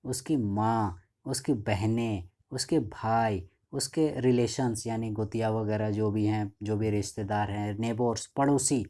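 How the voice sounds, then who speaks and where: गहरी, नरम आवाज़ वाला पुरुष शिक्षक. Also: male voice, lowish voice, steady tone, dark tone. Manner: reads English lines slowly, then explains in Hindi with repeated "ठीक है". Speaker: teacher. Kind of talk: line-by-line lesson explanation.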